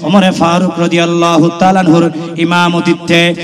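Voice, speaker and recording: A man's voice: fairly high pitch, completely flat delivery, moderate pace, music in the background. A man from the Khulna region preaching a sermon at an open-air gathering, impassioned, drawling and chanting phrases and calling on the listeners to respond. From Khulna region, Bangladesh. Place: large outdoor religious gathering. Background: crowd.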